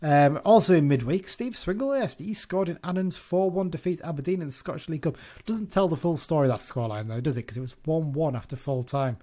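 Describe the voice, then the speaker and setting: A man's voice: a little high, fast, hardly any pauses, warm tone. A man hosting a casual football podcast, chatting loosely with frequent restarts and self-corrections. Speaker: podcast host.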